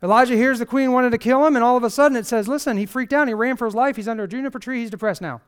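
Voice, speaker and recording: Guy pastor giving a chatty sermon, high voice, smooth and clear, kinda sarcastic. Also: racing. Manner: conversational, sarcastic, animated storytelling with acted quotes. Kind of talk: casual sermon.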